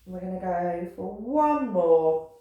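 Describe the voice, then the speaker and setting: A woman leading a pilates class, giving calm, encouraging cues and counting down holds. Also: lowish voice, slow, phone-quality sound. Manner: encouraging, gentle cueing, counts down aloud. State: slightly out of breath at times. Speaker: pilates instructor. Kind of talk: guided exercise class instruction. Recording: echoey room, voice from a distance.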